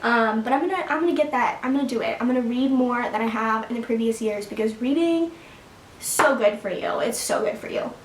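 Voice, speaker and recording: Speaking fairly quickly in a voice on the high side, a seventeen-year-old girl has a casual sit-down chat with her viewers at home, rambling through fillers and little laughs. The mic is set back in an echoey room, with slight background noise.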